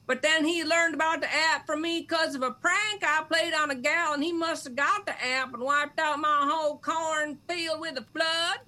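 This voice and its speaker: A woman's voice: sits high, steady tone, normal speed, hardly any pauses, pushed and bright. A woman voicing an indignant male farmer with a folksy rural drawl and country slang. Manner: indignant, grumbling complaints. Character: folksy male farmer, feuding, easily riled. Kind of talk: comedy sketch acting.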